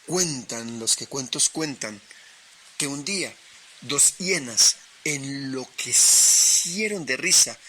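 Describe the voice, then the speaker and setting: A man from Colombia telling short tales on the radio with expressive, dramatic pauses. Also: mid-range voice. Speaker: storyteller. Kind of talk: oral storytelling on radio.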